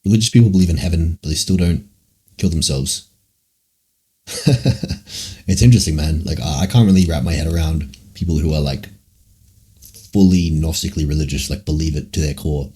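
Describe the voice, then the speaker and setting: A man's voice: rumbling low, fairly quick, long pauses, mellow, breathy edge. A young man livestreaming, answering chat questions in a rambling, profane, casual way, full of "like" and "man".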